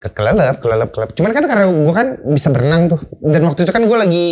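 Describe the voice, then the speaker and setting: A woman with a lowish voice that swoops up and down as she tells a story in a relaxed interview. She talks in casual slang and repeats words for emphasis. She acts out her own thoughts as she goes. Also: rapid-fire. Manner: animated, acts out quoted thoughts. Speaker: guest.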